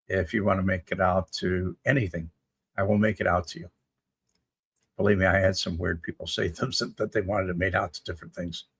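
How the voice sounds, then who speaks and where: Gravelly-voiced man in his seventies. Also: low voice, fairly bright tone. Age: 70s. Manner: rambling, folksy, reads comments aloud then replies. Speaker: livestream host answering chat. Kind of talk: casual live chat reading viewer comments.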